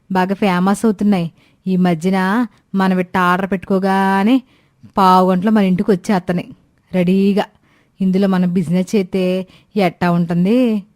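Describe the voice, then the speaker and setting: A woman's voice: medium pitch, flat delivery, normal speed, pauses often, darkish tone, dry recording, studio quality, close to an everyday voice. A woman voicing a gossipy, scheming village neighbour in a cartoon story, talking persuasively.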